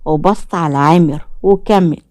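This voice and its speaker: A woman's voice: deep voice, moderate pace, dark tone, no echo, clean studio sound. A woman with an Egyptian accent narrating a dramatic story in a scripted storytelling style. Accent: Egyptian Arabic.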